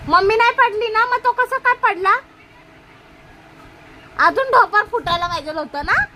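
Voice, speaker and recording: A woman's voice: extremely high pitch, animated, normal speed, noisy background. A woman with a Marathi accent playing an aunt in a family comedy sketch, scolding and arguing sharply.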